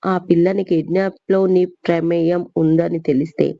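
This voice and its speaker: A woman's voice: fairly low pitch, level tone, normal speed, creaky, no room sound, highs cut off. A woman voicing a stern middle-aged mother who scolds and warns her daughter. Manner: reproachful, warning.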